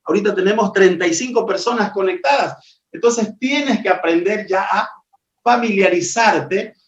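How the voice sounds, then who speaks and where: Male trainer, high voice, didactic webinar delivery, distant dull audio. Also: moderate pace, reverberant. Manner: didactic, asks rhetorical questions. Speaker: presentation skills trainer. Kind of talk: live webinar lesson. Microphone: video call.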